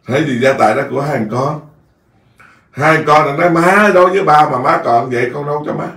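This monk's voice is on the high side and fairly bright, carrying a Southern Vietnamese accent. He rambles through a story in a casual dharma talk, repeating words often, and the recording is echoey with a distant mic.

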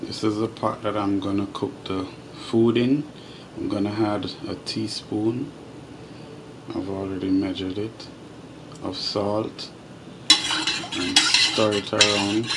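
A Jamaican man talks slowly through his home cooking, his low voice staying flat and unhurried as he explains each step to viewers. The phone recording picks up clear kitchen noise, with pots boiling in the background. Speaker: home cooking show host. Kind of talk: casual cooking vlog. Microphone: phone camera held over the stove. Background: pots boiling and sizzling.

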